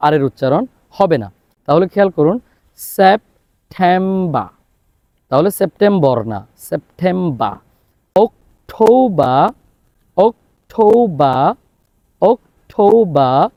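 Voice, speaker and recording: A man's voice: fairly high pitch, warm tone, no room sound. Bangladeshi man drilling English words. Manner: drills words by repeating them slowly and clearly. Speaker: English teacher, academy founder. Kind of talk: spoken English lesson.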